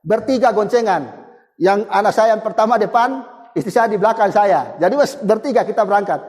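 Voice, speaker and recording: Man, preacher, very high voice, conversational storytelling, reverberant hall. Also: a little fast, a little mellow. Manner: conversational, storytelling with acted quotes and chuckles. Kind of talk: sermon with personal testimony.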